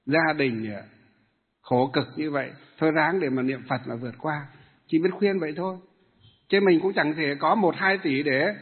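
A Buddhist monk delivers a dharma talk, putting questions to his listeners and answering them himself. His voice is husky and sits fairly high for a man. The sound is tinny and phone-like, with long reverb trailing off the hall. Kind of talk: dharma talk to lay followers.

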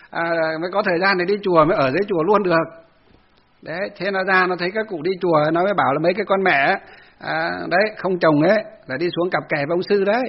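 A Buddhist monk tells a story in a lively dharma talk and acts out the voices of other people. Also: male voice, high-pitched, slightly rough. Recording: dull lo-fi recording.

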